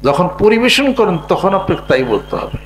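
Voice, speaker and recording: A man preaching a sermon in a humorous way, imitating village speech and singing verses slowly. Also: sits high, very animated, rough recording. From Bangladesh. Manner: humorous, mimics rural dialect, sings verses slowly. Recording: faint mains hum.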